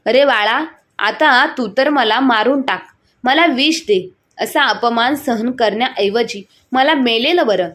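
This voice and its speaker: A woman putting on a shrill bossy mother-in-law. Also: slow, a bit bright. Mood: wailing, indignant. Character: angry domineering older mother-in-law.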